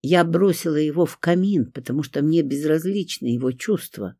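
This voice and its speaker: A man voicing a timid young woman heroine who speaks quietly and fearfully. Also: a little high, moderate pace, no echo, studio quality, pitched above the performer's own voice. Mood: earnest.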